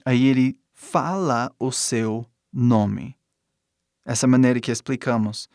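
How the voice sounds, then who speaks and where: Steady and slow, his mid-range voice has a slightly mellow quality, captured in studio quality with no room sound. He's a male English teacher whose first language is English, explaining pronunciation in a video lesson and checking in with frequent "né?" and "tá?" tags.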